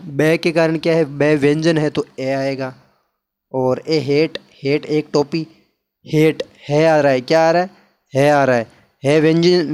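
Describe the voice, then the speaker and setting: A man's voice: on the high side, darkish tone, clear, resonant tone. A male teacher with an Indian accent explaining grammar, repeatedly asking questions and answering them himself. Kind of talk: classroom lesson explaining English articles in Hindi.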